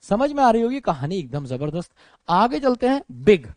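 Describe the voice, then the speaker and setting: Animated young man lecturing on grammar. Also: high-pitched, normal speed, no echo. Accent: Indian English. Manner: animated, addresses students as friends and brother, mixes English into speech. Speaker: English teacher. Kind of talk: exam-prep grammar lecture.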